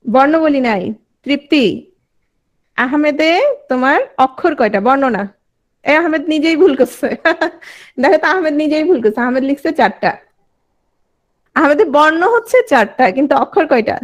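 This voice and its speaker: A woman teaches an online class in a high voice. She keeps putting questions to her students, then repeats their answers as she explains. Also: normal speed, long pauses.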